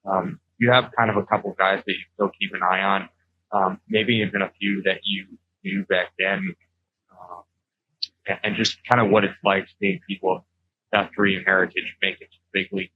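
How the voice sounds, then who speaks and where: A man's voice: deep voice, level tone, moderate pace, phone-quality sound. A man hosting an interview podcast, friendly and upbeat, with frequent ums. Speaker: podcast host.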